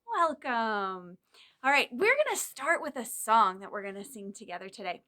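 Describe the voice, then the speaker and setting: Songs and read-alouds fill this children's storytime, led by a woman whose voice is on the high side at a normal speed. Her manner is animated and encouraging as she talks straight to the young kids.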